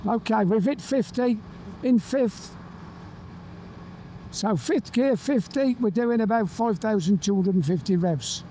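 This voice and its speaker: A British man with a notably high, soft-toned voice talks through a motorbike helmet intercom. He keeps up a casual, colloquial riding commentary, with faint engine and wind noise around him. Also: a little slow. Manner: chatty, colloquial British turns of phrase with tag questions. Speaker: motorcycle review vlogger and presenter. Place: outdoors, riding a motorbike on roads. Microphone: microphone inside a motorbike helmet. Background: faint vehicle and wind noise.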